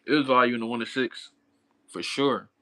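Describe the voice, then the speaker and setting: This thirtysomething boxing commentator is hanging out with his livestream chat, joking around in loose slang and laughing often. He talks a little fast in a sharp, mid-pitched voice whose intonation stays fairly even.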